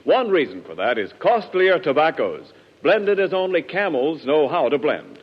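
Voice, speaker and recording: A man announcing, reading a brisk persuasive radio ad in the 1940s. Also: fairly high pitch, big pitch swings, husky. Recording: dull 1940s radio broadcast in a hall.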